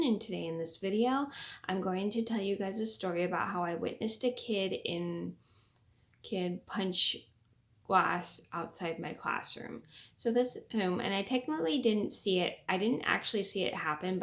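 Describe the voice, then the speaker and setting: Young woman doing a storytime vlog, talking quiet late at night, lowish creaky voice, kinda halting. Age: young adult. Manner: talking quietly so as not to wake sleeping people at night. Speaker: vlogger.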